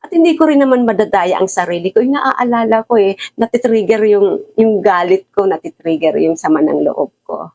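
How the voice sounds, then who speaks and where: A woman's voice: mid-range voice, expressive, normal speed, warm tone, dull audio. A middle-aged woman giving a casual, confiding Bible talk, laughing often and switching into English now and then. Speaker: Bible study teacher.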